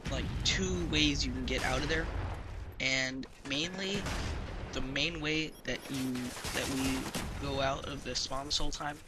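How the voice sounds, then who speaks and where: A man's voice: mid-range voice, steady tone, a little slow, background noise. A man giving casual gameplay commentary, explaining tactics in a hesitant, filler-heavy way. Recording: voice over loud gunfire game audio.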